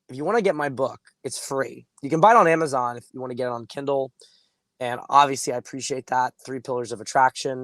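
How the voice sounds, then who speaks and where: Hoarse, muffled man giving advice. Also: mid-range voice, dry recording. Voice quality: muffled sound. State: hoarse from laryngitis. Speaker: dating coach and host. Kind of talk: casual straight-to-camera advice talk.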